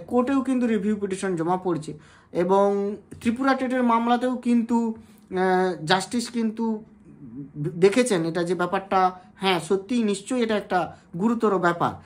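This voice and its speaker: A woman, hosting an education channel and explaining a legal issue to camera in a measured way, pausing often on hesitation sounds and asking rhetorical questions. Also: mid-range voice.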